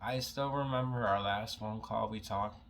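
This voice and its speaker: A young man telling a personal story in a casual vlog, halting and emotional, full of "like" fillers, holding back tears. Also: on the low side, fairly bright tone, slight background noise.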